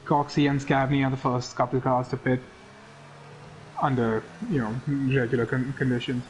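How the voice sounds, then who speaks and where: A man's voice: medium pitch, little pitch movement, normal speed, slight background noise, low-quality recording. A man co-commentating a motorsport race live in a conversational way, often repeating phrases. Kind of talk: live sim racing commentary.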